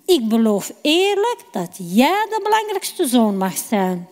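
A woman's voice: on the high side, big pitch swings, slow, a little mellow. A woman voicing a tired, hungry young hunter who pleads impatiently for food. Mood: pleading. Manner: pleading, whiny, eager. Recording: reverberant hall.

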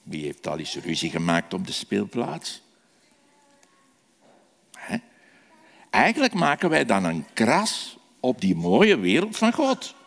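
A man telling a children's sermon, animated and asking the children questions. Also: fairly low pitch, slow pace, creaky, long pauses. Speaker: children's preacher. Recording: echoey hall reverb.

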